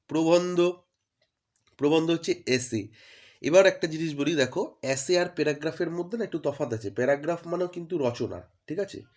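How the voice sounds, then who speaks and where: A man giving a vocabulary lesson, patiently spelling each word out letter by letter. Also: fairly high pitch. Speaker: teacher.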